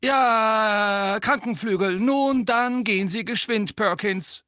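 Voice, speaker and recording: A man voicing an absent-minded old male ghost professor who speaks in a distracted, drawn-out way, in an audiobook. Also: high voice, pushed and bright, smooth, dry recording, clean studio sound, pitched above the performer's own voice, exaggerated voice.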